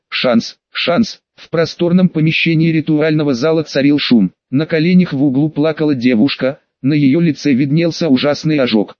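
A man reading a fantasy audiobook in a measured storytelling manner. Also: fairly high pitch, dry recording, muffled recording. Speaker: audiobook narrator. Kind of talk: scripted narration.

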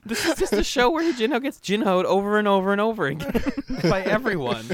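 A man co-hosting a podcast in casual chat, animated and laughing as he acts out what others said. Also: high voice, brisk, a crowd in the background. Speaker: podcast co-host.

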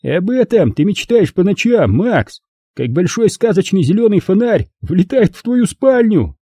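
Male reader voicing a loud, sneering teen bully; high-pitched, lively, husky. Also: unhurried, no echo, studio quality, heavily acted. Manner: mocking, theatrical taunting. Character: sneering teenage boy bully, loud and crude.

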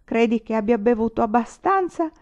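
A woman reading aloud voices a drunk young male army lieutenant who talks loudly and boastfully. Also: on the high side, animated, normal speed, pitched above the performer's own voice, close to an everyday voice. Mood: drunken, blustering. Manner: loud, boastful, sobbing and angry by turns. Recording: slightly dull, lo-fi recording.

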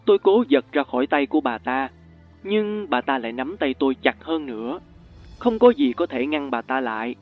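A man narrating a suspenseful story in the first person with measured delivery. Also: mid-range voice, big pitch swings. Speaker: audiobook narrator. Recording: tinny lo-fi with faint music.

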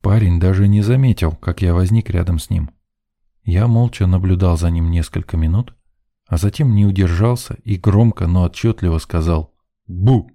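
A man's voice: low voice, moderate pace, vocal fry, mellow. A man reading a first-person story aloud as scripted audiobook narration, in a dry, ironic manner.

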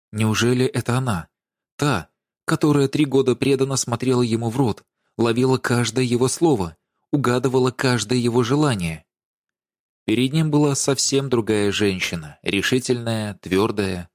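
A man narrating an audiobook in an expressive, dramatic reading style. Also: medium pitch, no room sound, clean studio sound.

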